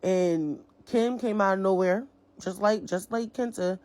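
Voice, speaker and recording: A woman's voice: mid-range voice, unhurried, a little mellow. A woman giving a casual, rambling review of a series episode, full of fillers, repeated phrases and slang. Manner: slangy and emphatic.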